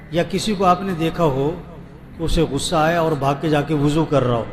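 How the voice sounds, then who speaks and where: A man's voice: fairly high pitch, darkish tone. A man preaching a sermon to a seated gathering with a Pakistani Urdu accent, repeating questions for his listeners to answer. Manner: rhetorical questions, call-and-response repetition.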